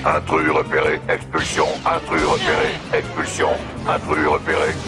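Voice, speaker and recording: Cartoon security robot, robot filter, booming low voice, flat monotone, relentless, over loud music. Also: male voice, moderate pace. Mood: monotone alarm. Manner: flat, repetitive machine chanting. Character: robotic male security guard, cold and relentless. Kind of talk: animated series dubbing.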